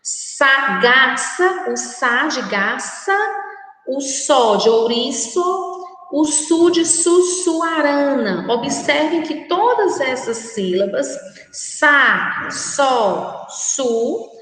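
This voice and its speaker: A woman teacher with a Brazilian Portuguese accent, giving a recorded lesson to children and speaking slowly and carefully, repeating words for them to say aloud. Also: high voice, expressive, a bit bright. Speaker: primary school teacher. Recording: very echoey room with long reverb.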